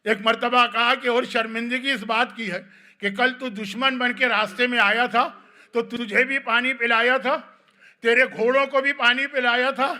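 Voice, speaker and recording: A man's voice: very high-pitched, fairly even intonation, sharp tone. A man as religious scholar, giving a mourning sermon in a mosque with emotional storytelling, his voice rising and sinking. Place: mosque hall.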